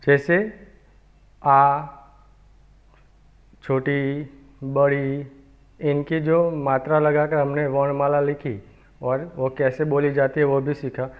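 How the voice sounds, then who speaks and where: A man teaching a children's alphabet lesson, speaking slowly and patiently, repeating each sound for young pupils. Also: medium pitch, little pitch movement, smooth. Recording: tinny phone-like recording.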